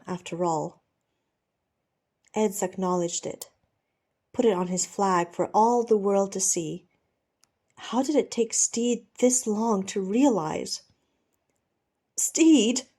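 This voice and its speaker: A woman with a medium-pitched voice reads fiction as an audiobook narrator, measured yet expressive, in a dramatic storytelling style.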